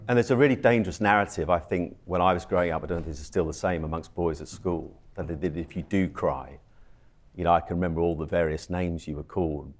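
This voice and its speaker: A man's voice: sits low, steady tone, fast. A man speaking reflectively and earnestly as a guest on a discussion panel.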